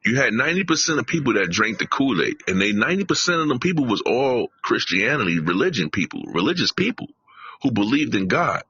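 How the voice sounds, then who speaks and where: A man's voice: medium pitch, big pitch swings, fairly quick, pushed and bright, muffled recording, slight background noise. A man hosting a live stream, preaching emphatically, repeating his phrases and swearing. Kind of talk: casual live-stream commentary.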